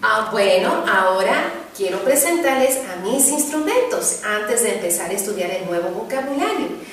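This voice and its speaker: A woman teaching a children's Hebrew lesson, naming each word slowly and clearly and repeating it. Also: mid-range voice, very animated, a little hiss or hum. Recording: echoey room, heard from a distance.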